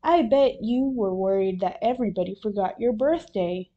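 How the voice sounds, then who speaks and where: A woman voicing a teasing young girl frog in a storybook, speaking quickly. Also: medium pitch, lively intonation, dark tone, highs cut off, close to an everyday voice.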